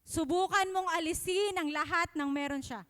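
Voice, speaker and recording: A woman's voice: extremely high pitch, normal speed, fairly bright tone. A woman voicing a taunting male accuser spirit who argues mockingly, quoted within a sermon. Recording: long reverb in a hall.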